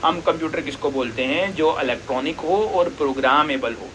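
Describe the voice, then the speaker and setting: A man with a bright, forceful voice, pitched a little high, teaching a basic lesson. He explains patiently, step by step, and poses questions that he then answers himself. A faint ambience hums behind him. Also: fairly quick, slight background noise, low-quality recording. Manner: patient, asks and answers his own questions.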